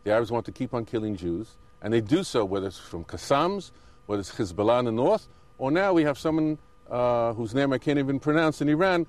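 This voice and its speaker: A man's voice: mid-range voice, animated, a little fast. A man answering as an interview guest, arguing back insistently with some hesitant self-corrections. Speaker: interview guest, Israeli settler.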